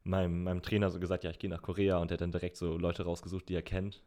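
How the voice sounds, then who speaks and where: A young man with a very low voice co-hosts a podcast in easygoing conversation. He explains at length, pausing on fillers and restarting his sentences. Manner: relaxed, rambling explanations with many fillers. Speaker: podcast co-host. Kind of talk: casual chat.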